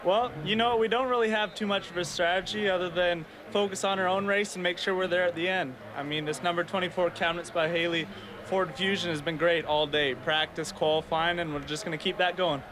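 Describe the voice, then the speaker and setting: A man's voice: high voice, fairly even intonation, brisk. A young man from Canada, a racing driver answering casually in a trackside interview. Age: young adult. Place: outdoors at a racetrack. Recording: outdoor crowd and vehicle noise behind.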